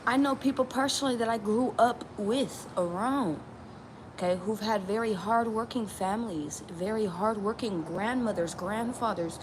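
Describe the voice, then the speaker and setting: Speaking at a moderate pace with a medium-pitched voice, a New Mexico woman who hosts a tarot channel gets emphatic in a casual vlog. She repeats lines and lets out the odd swear word, against a steady backdrop of ambience noise.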